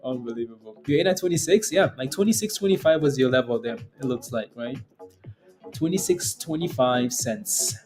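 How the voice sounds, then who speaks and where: With music in the background, a man runs a casual day-trading livestream in an expressive mid-range voice at normal speed. His talk is slangy, blunt and exasperated, finance-bro through and through, with frequent repetition for emphasis.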